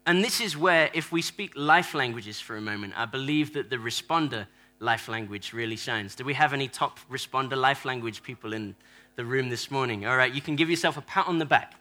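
In a church hall, a man with a mid-range voice, bright and forceful, a little fast, delivers a playful sermon with audience props, impersonating church members and joking with the congregation.

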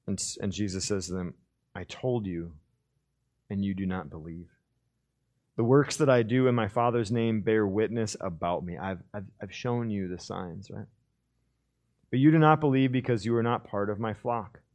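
A male pastor preaching a sermon, swinging between loud, fervent stretches and hushed, drawn-out emphasis, and acting out the voices of biblical figures as he retells the story. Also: on the low side.

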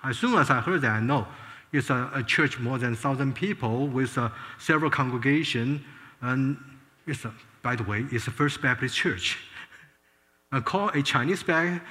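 An older man from Taiwan tells his life story with earnest warmth. His voice is bright and forward, with frequent restarts. Behind him, a long hall reverb hangs after each phrase. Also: mid-range voice, moderate pace. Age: 60s. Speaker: former space scientist giving a testimony. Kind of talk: personal testimony talk.

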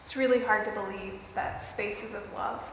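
A woman leading a guided mindfulness meditation for a group, speaking deliberately in short phrases with pauses between them. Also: medium pitch, steady tone, a bit bright. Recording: roomy, reverberant hall with clear background noise.

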